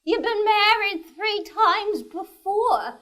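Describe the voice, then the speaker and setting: A woman's voice: extremely high pitch, lively intonation, slow, a bit bright, pitched above the performer's own voice, heavily acted. A woman playing a wry, much-married bride who jokes through a toast to her father, in a one-woman stage show.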